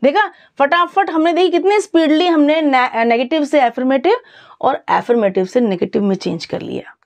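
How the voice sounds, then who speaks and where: A woman teacher explaining grammar in a mixed Hindi and lecture, asking the students rhetorical questions and reading example sentences slowly. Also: high-pitched. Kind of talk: bilingual classroom lecture.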